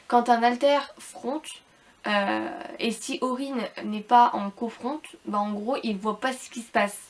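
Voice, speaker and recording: A woman giving a casual, rambling book review to viewers, hesitant and repetitive, with informal slangy wording and slightly robotic, unclear speech because she is ill. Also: a little high. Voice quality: slightly robotic, hard-to-understand speech from illness.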